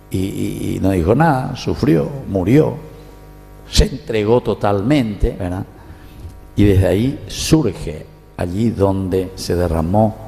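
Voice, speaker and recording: A priest with a Paraguayan Spanish accent preaching a sermon, retelling scripture in a lively, conversational way with frequent asides to the congregation. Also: male voice, on the low side, vocal fry, long reverb tail. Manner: conversational, animated retelling with tag questions. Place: church.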